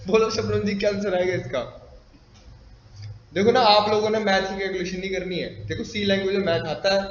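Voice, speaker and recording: High-voiced man teaching a class. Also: flat delivery, brisk, slight background noise. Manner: teasing, quizzes students often. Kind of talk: classroom lecture. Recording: echoey classroom, dull lo-fi audio.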